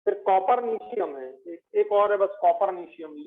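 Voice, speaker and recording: A man teaching chemistry, repeating each element name slowly so students memorize it. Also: sits high. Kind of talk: classroom lecture. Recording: tinny phone-like audio.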